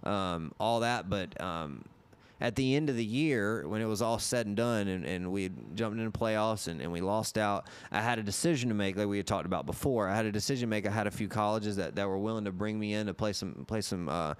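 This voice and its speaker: Smooth-voiced man telling a story. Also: lowish voice, fairly quick, no echo. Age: 30s. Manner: rambling, many restarts and repeated words. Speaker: podcast guest. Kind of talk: casual storytelling. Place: podcast studio. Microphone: boom mic.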